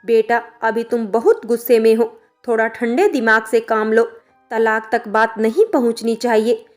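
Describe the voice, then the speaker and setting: A woman voicing a calm father who speaks soothingly and patiently to his angry daughter. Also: fairly high pitch, measured pace, soft background music, lightly acted. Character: gentle, calm older father.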